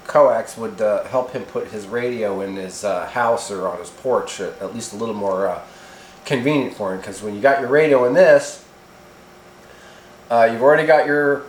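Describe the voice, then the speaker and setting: In his home kitchen, a man with a mid-range voice hosts a casual, unscripted video reviewing radio gear, unboxing and demoing it. He talks in a halting, rambling, folksy way, and the recording has room echo and faint noise.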